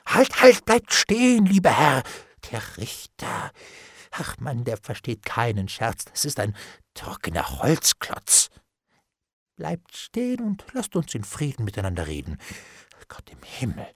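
A cowardly bailiff pleads for mercy in a high, wavering whine, as a man reads him aloud. His voice jumps all over the place and carries a husky grain. The recording is dry and close, with no room around it. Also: huge pitch swings, moderate pace, no echo, full character voice. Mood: pleading. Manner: high, whining and begging, with gasps and whispered prayers. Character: frightened, pleading male bailiff, cowardly and wheedling. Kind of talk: audiobook character reading.

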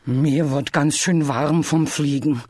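A storyteller voicing an eager, clumsy male bear who wants to fly, speaking slowly and earnestly in a lowered voice. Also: slightly rough, dry recording, studio quality. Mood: puffing. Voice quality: deep, slow, earnest and stubborn. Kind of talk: storybook read-aloud.

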